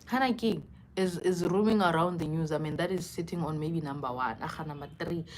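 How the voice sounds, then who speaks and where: Speaking a little fast in a deep voice, this young woman with a South African accent keeps her livestream chat casual, expressive and conversational. She moves between English and local languages, with slight background noise behind her.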